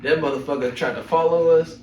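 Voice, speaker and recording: A young adult man hosts a personal podcast, casually telling his own stories in slangy, profane language with a chuckling manner. His voice sits on the high side, steady and fairly quick, with a dark tone and the highs cut off. The room is echoey, with a distant mic and faint noise.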